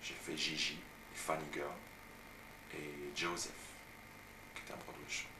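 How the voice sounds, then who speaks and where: A young French actor from Paris telling stories of his career in a relaxed, chatty way, recorded on home video. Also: a bass voice, measured pace. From France. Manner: chatty storytelling, frequent "tu vois". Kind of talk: casual interview at home. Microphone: far camera mic. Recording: roomy, distant, noisy home video.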